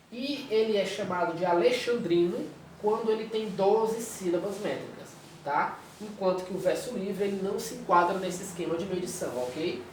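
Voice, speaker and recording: A male teacher with a Brazilian Portuguese accent, explaining a lesson and checking in with his students at every step. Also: high-pitched. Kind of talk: recorded classroom lecture. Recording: very echoey room, distant mic, faint hiss.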